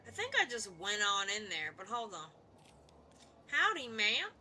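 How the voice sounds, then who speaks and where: Bright, playful woman streaming a game. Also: mid-range voice, big pitch swings, a little fast, slight background noise. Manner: playful, loud, swears casually. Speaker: streamer playing a video game. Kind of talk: casual game commentary.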